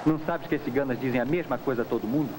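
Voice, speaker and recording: An actor playing a breezy young charmer with a Brazilian accent in 1950s film dialogue. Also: male voice, mid-range voice, very fast, close to an everyday voice. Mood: cocky, teasing. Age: young adult. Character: cocky, teasing young charmer, a breezy malandro. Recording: noisy old film soundtrack.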